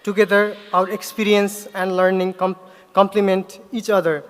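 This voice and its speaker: A young man from Nepal with a Nepali accent, giving an earnest graduation speech with pauses and self-corrections. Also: sits high, level tone. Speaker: graduate speaker. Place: large ceremony hall. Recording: hall reverb.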